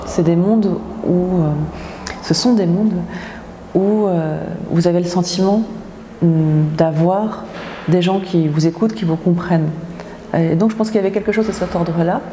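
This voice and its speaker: A woman from France, an author, speaking thoughtfully in an interview, pausing often with filler sounds. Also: fairly low pitch, mellow, a little hiss or hum. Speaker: author in residence. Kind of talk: reflective interview talk. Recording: echoey hall with faint ambience.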